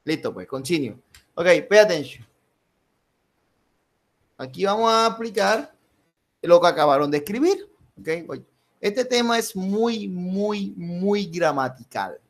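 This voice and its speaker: A man's voice: high-pitched, very animated, measured pace, pauses often. A man teaching a live online English class, switching between Spanish and English and checking in with his students.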